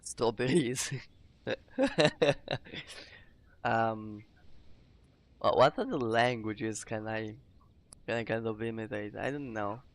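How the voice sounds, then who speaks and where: A man's voice: on the low side, fairly even intonation, slow, long pauses. A young man casually commenting as a gaming streamer, rambling and joking around with put-on accents. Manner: goofy, rambling, jokes with mock accents. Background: game music.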